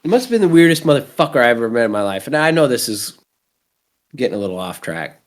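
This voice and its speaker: This podcast host, a man in his thirties with a Canadian accent, has a medium-pitched voice and a quick pace. He chats casually, telling lively, meandering stories peppered with profanity.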